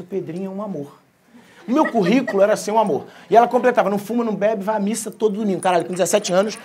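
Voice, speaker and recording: A man's voice: high-pitched, a little mellow, breathy edge. A Brazilian man giving a comic keynote talk, telling family stories, joking and swearing freely. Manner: jokey, swears freely, acts out family dialogue. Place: conference stage.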